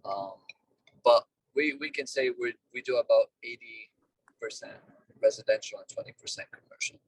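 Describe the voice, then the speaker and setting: A man talking over a car speakerphone while driving, a business owner giving plain, halting explanations in a casual interview. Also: medium pitch, dry recording. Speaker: duct cleaning business owner, guest. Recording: distant car speakerphone call.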